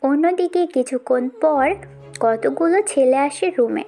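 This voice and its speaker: A woman narrating an audio drama, steady and storytelling. Her voice sits high. Faint music plays beneath her. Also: a little slow.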